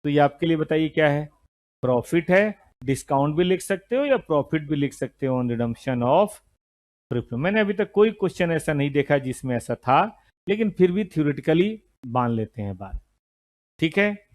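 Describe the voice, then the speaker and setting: Lively man teaching a class. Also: a little high, normal speed. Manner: lively, scolding students, mixes Hindi and English terms. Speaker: accounting teacher. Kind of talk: classroom lecture.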